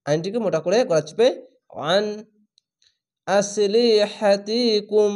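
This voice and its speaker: High-voiced man teaching Quran reading slowly. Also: darkish tone. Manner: stretches recited words very slowly, then explains rules plainly. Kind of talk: slow spelled-out recitation lesson.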